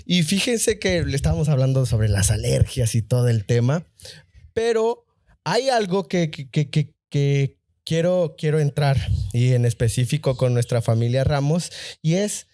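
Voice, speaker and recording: A man's voice: on the high side, animated, dark tone, no room sound, clean studio sound. A man from Mexico with a Mexican accent, co-hosting a church podcast in a casual, joking way with frequent restarts. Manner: jokey, laughs often, halting restarts. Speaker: podcast co-host.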